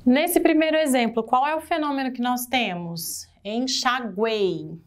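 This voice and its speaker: Brazilian woman teacher, somewhat high voice, lively exam-prep lesson that keeps quizzing the class. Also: normal speed. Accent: Brazilian Portuguese. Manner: lively, asks the class questions. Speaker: Portuguese-language teacher.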